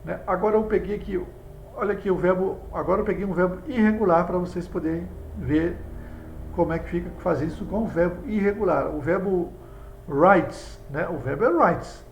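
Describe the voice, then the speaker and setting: A man's voice: high voice, a little fast. A man with a Brazilian Portuguese accent, teaching English in a video lesson and walking students through examples. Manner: explanatory, talks students through examples on a board. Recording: echoey room with faint background hum.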